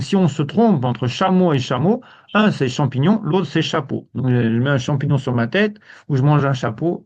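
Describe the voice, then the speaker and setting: A man teaching a live language lesson to students, in a relaxed way, repeating words and often saying "ok". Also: mid-range voice, highs cut off.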